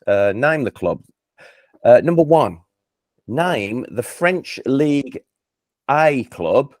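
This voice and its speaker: A Birmingham man from England hosts a relaxed football quiz, talkative and self-mocking, regularly fumbling and restarting what he says. His mid-range voice has a darkish tone, captured at studio quality with no room sound.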